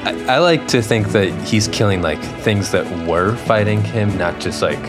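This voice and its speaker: A man's voice: lowish voice, normal speed. A man playing a tabletop game, casually describing what his character does. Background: music.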